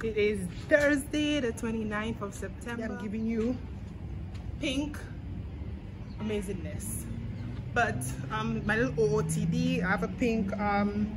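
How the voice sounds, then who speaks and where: Holding her phone camera at arm's length, a young Saint Lucian medical student chats casually and cheerfully in a mid-range voice, peppering her talk with "literally" and "like." She films at a stadium, in a kitchen, and in a hospital hallway and lab, and clear background noise runs through the vlog.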